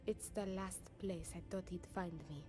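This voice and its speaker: A woman's voice: fairly low pitch, fairly even intonation, normal speed, natural voice. An actress playing a sickly, guarded young runaway woman from a space colony in video game dialogue. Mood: bitter, anxious. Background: loud background music.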